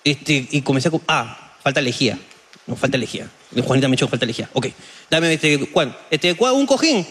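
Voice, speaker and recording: A man's voice: medium pitch, fairly quick, fairly bright tone, husky, in a large hall. A young man chatting casually on a comedy podcast, rambling through a story with lots of fillers.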